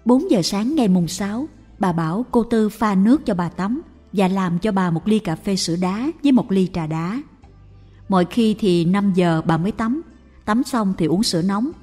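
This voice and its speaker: Calm woman reading a story. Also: mid-range voice, normal speed, slightly rough. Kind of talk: reading Buddhist stories aloud. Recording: reverberant with faint music.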